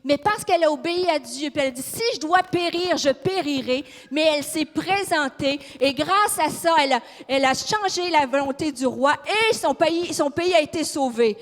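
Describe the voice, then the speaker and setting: A woman from Quebec, speaking Québécois French, delivers a fiery, emphatic sermon in a church hall, questioning her audience. Her high voice moves fairly quickly with few pauses, and the recording carries the long reverb of a large hall.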